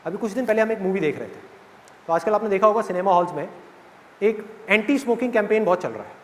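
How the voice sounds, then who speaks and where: A man in his thirties from India gives a live motivational talk in an animated, joking way, questioning the audience in a large auditorium. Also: high-pitched, quick pace, slight background noise. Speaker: motivational speaker. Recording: reverberant hall with audience.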